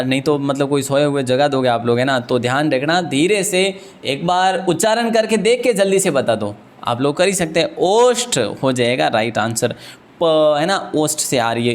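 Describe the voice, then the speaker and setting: Chatty high-voiced Hindi teacher. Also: male voice, expressive, normal speed. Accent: Rajasthani Hindi. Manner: chatty and joking, often addresses students as friends. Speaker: Hindi exam-prep teacher. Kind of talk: live online exam-prep class.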